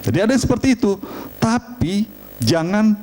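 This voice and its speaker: A middle-aged man, preaching a sermon and telling family stories in an animated, humorous way. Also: sits high, normal speed. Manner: animated storytelling, chatty and humorous. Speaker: pastor.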